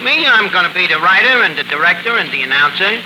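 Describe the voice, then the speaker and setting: An actor leading a 1940s radio comedy voices a cocky, bumbling New York tavern manager, speaking quickly and expressively in a high register. He fires off wisecracks and pompous malapropisms over a noisy period broadcast recording.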